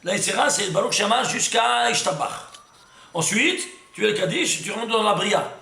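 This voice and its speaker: A man teaching a Torah class to a room of listeners, lively and emphatic, often stopping to ask whether everyone follows. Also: high-pitched, normal speed, vocal fry, roomy sound. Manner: lively and emphatic, full of restarts, asks "C'est clair?" often. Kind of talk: animated Torah lesson.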